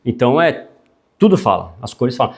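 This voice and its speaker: Lively man teaching public speaking. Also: medium pitch, fairly quick. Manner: animated, frequent tag questions, jokey asides. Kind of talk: classroom lecture.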